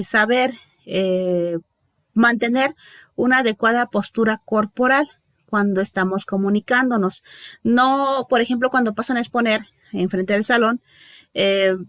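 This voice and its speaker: A woman's voice: a little high, a bit bright, no room sound, studio quality. Chatty woman teaching a class. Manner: conversational, many fillers and self-corrections; checks in with listeners with tag questions. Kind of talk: recorded online lecture.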